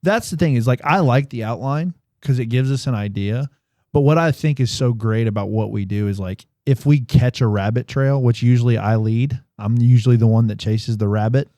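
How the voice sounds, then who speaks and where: A man co-hosting a podcast in a dark, mellow voice, recorded close and dry. He is talkative and joking, and often pokes fun at himself in casual banter. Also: medium pitch, normal speed, no room sound. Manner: talkative, joking, self-mocking. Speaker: podcast co-host.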